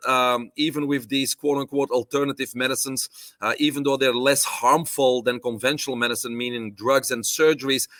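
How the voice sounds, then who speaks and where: A middle-aged Belgian man with a Belgian accent appears as a guest in a casual interview, a holistic nutrition doctor listing things off with many fillers. His medium-pitched voice is bright and forceful, in a dry recording.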